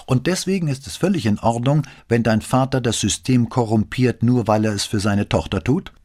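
A man's voice: deep voice, big pitch swings, normal speed, a little mellow, breathy edge, full character voice. A man voicing a tired, brooding middle-aged police detective who speaks tersely in an audiobook. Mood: angry. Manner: terse, defensive, then apologetic. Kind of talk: audiobook reading.

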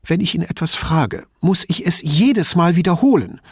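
A man's voice: a little high, animated, slightly rough, no room sound, clean studio sound, pitched above the performer's own voice. A man voicing a worried, defensive woman professor who talks about her son in a storybook reading. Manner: tense and quick to bristle.

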